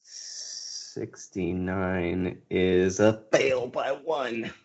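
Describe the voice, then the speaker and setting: Deep, mellow male player. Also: extremely slow, lo-fi sound. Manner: casual, speaks in character. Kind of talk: playing a tabletop game.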